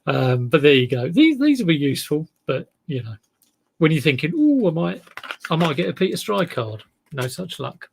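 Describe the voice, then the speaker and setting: This eBay reseller's livestream host has a fairly high, gravelly, slightly rough voice and talks at normal speed in a relaxed South East London drawl. He chats casually about his sales and reads viewers' comments aloud.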